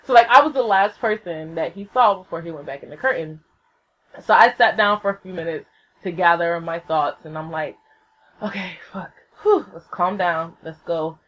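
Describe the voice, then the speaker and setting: Excitable, swearing young woman podcaster. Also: fairly quick. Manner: excitable, swears freely, acts out quotes with big pitch jumps. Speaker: podcast host. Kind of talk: casual solo podcast storytelling. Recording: slightly dull lo-fi laptop recording.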